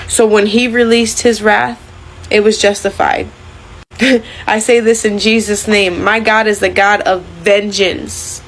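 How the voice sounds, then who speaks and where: A woman speaking like a preacher, solemn and deliberate, delivering a foreboding warning of divine judgment. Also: mid-range voice, little pitch movement, slight background noise, poor audio. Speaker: religious commentator. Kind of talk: prophetic sermon-like warning.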